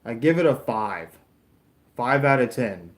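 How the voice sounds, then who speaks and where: Recorded in an echoey room, this medium-pitched, expressive man talks at a measured pace. He's a YouTuber from Florida, in his late twenties, watching a wrestling show live and rambling casually to viewers, replying to chat and making fun of himself.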